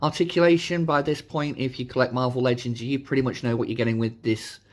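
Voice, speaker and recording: A man's voice: medium pitch, steady tone, quick pace. Man with a sore-throat voice. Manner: informal, chatty. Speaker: host of a toy review channel. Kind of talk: casual product review.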